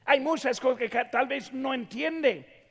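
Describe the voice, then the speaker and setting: High, gravelly-voiced preaching man. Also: unhurried, big-room sound. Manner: emphatic preaching, often addressing the congregation directly. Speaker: pastor. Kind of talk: sermon. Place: church sanctuary.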